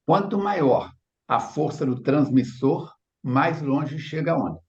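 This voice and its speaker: A man's voice: a little high, animated, slow, a little mellow, roomy sound, muffled recording. A Brazilian man co-hosting a spiritist study, explaining ideas with everyday comparisons. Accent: Brazilian Portuguese. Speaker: study group co-host. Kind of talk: spiritist book study discussion.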